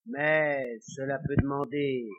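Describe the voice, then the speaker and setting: A man voicing a wise village priest who speaks gravely and slowly. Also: medium pitch, steady tone, close to an everyday voice. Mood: solemn. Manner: slow, grave, measured. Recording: dull lo-fi recording.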